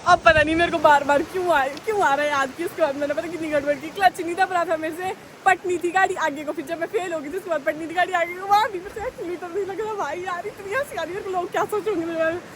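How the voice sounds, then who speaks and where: A woman's voice: extremely high pitch, steady tone, quick pace, few pauses, fairly bright tone, a little hiss or hum, rough recording. A young woman vlogging on a phone as she walks along a road, chatty and self-mocking, with a dramatic streak. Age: young adult. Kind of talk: casual vlog talk. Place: outdoors on a road.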